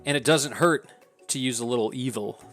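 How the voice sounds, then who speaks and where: A man's voice: mid-range voice, moderate pace, a bit bright, soft background music, lightly acted. A man voicing a hulking, arrogant young male rival chef who talks down to others. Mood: condescending. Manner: condescending.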